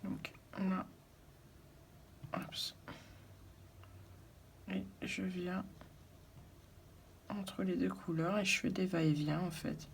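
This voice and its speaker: A woman narrating her coloring tutorial casually, soft-spoken and absorbed in her work, often murmuring to herself. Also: lowish voice, steady tone, extremely slow, creaky, pauses often, a little hiss or hum. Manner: absorbed, narrating each step as she works. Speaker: coloring video creator.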